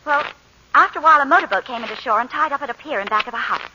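An actress playing an anxious young wife making a payphone call, in 1950s radio drama style, urgent and halting. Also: female voice, sits high. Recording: noisy, dull old radio broadcast.

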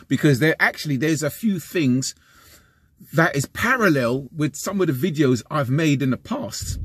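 Sitting in a parked van with the camera close to his face, a West London man in his fifties vlogs casually, rambling, repeating and restarting his sentences with animated gestures. His voice is fairly high and slightly rough, captured as clean studio sound with no room acoustics.

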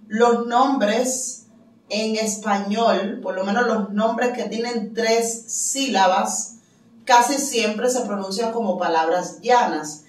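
Woman, French teacher, unhurried patient explainer, recorded at a distance with an echoing room. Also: mid-range voice. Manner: patient, repeats phrases slowly for learners. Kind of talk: casual language lesson. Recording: roomy echo, mic at a distance.

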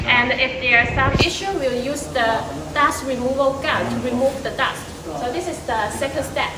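A woman's voice: high-pitched, moderate pace. A young woman, a sales manager, walking a viewer through a factory workshop, talking with frequent fillers and restarts. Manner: hesitant, many fillers and restarts. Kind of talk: walking factory tour presentation. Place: large indoor factory workshop. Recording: echoey workshop, distant mic, loud background hum.

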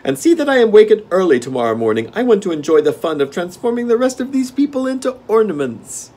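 A man voicing a petulant, vain male gnome king who is quick to anger and gleeful about his tricks. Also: high voice, big pitch swings, warm tone, voice pushed up. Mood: angry, imperious.

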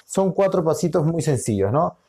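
A slightly high, mellow male voice with big pitch swings belongs to a school teacher recording an online lesson. Patient and repetitive, he draws out his explanations and keeps checking in with short questions.

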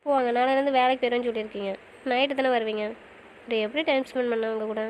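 A woman playing a quick-tongued young wife in an audio romance series, talking back in pouty banter. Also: a little high, steady tone, a little hiss or hum, lightly acted, rough recording. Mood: sulky, playful. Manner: fast, pouty back-talk.

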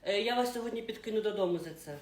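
A woman voicing a soft-spoken middle-aged male office boss who talks quietly and hesitantly. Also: medium pitch, rapid-fire, natural voice. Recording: roomy room with faint music.

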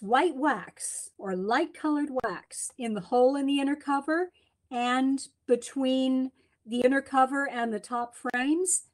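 A middle-aged woman giving a chatty slide lecture from home over a webcam, with many ums and restarts. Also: high voice. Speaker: beekeeping speaker. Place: home room, indoors. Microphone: webcam on a video call.

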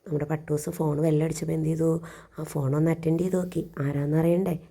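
A woman's voice: low-pitched, level tone, a little fast, vocal fry, dark tone. A woman teacher reading a story to children and explaining it, asking questions and answering them herself. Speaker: primary school teacher.

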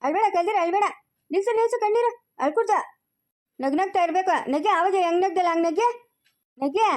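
A woman's voice: very high-pitched, a little fast, a little mellow. A woman playing a playful grown son who teases and cheers others up, in a home-made family skit. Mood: cheering. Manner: teasing, cheerful.

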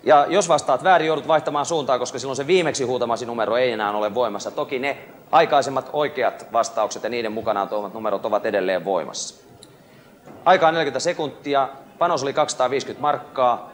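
A man's voice: mid-range voice, a little hiss or hum. A man hosting a TV quiz show live aboard a cruise ship, bantering and teasing the contestants between questions.

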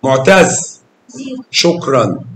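A man's voice: medium pitch, sing-song, slow pace, fairly bright tone. A man with an Egyptian Arabic accent teaching math to a class of children, coaxing them with questions and calling pupils by name with endearments. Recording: echoey classroom.

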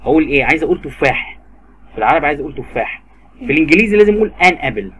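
A man with an Egyptian Arabic accent drills a child in English grammar, patiently repeating words and examples. His voice is on the high side and a bit bright, racing along in a sing-song manner, with slight background noise.

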